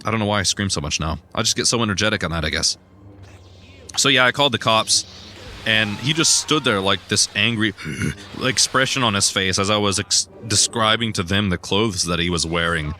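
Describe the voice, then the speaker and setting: A young man casually narrating a video game, rambling through a personal story with sudden loud outbursts. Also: on the low side, moderate pace, a little hiss or hum. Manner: rambling, chatty storytelling with bursts of loud excitement. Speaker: gaming streamer. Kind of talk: casual let's play commentary.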